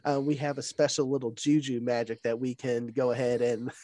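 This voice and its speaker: A man's voice: mid-range voice, little pitch movement, fairly quick, mellow, no room sound. A man with a nasal voice, stuffed up from allergies, chatting casually on a livestream. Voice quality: nasal, congested. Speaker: radio hobby streamer.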